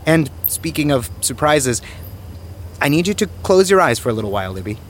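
A man's voice: on the high side, very animated, a little fast, a little hiss or hum. A man playing an eager, flustered son. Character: eager affectionate grown son. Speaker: son and husband.

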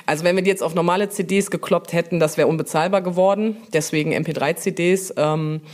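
A brand manager on a podcast speaks fast in a fairly low, darkish voice with fairly even intonation. She explains her work casually as the interviewee, tossing in frequent tag questions to confirm agreement.

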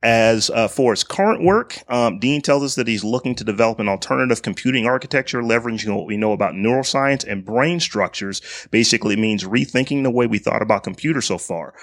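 A man's voice: medium pitch, fast, hardly any pauses, no room sound. A middle-aged man hosting a casual podcast. He reads a spotlight segment from his notes and breaks off into slangy, joking asides. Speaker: podcast host.

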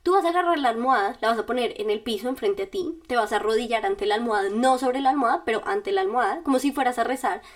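A woman's voice: fairly high pitch, quick pace, hardly any pauses. A woman podcast host giving casual step-by-step self-help directions, speaking straight to the listener in a chatty, informal way. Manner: chatty and informal, with little laughs.

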